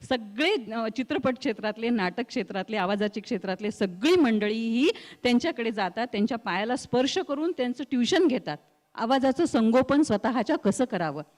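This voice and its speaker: A middle-aged woman with a rural Marathwada Marathi accent, telling her story as an interview guest in an expressive way that acts out the voices she quotes. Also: on the high side, a little fast, big-room sound. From Marathwada, India. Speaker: guest, news reader and anchor.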